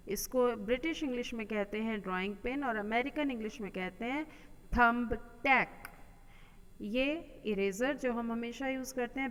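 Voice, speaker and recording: A woman teacher walks her students through a vocabulary exercise, spelling each word out letter by letter. She speaks unhurriedly in a somewhat high voice. The recording carries a long reverb and a faint hum of room noise. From India. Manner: explains step by step, spells words out letter by letter. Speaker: English teacher. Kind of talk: classroom lesson in mixed Hindi and English.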